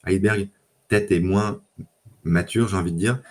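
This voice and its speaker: Man, very low voice, easygoing tech podcast guest, lots of "euh". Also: normal speed. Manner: relaxed, many fillers and restarts. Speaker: data engineer guest. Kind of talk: casual tech chat.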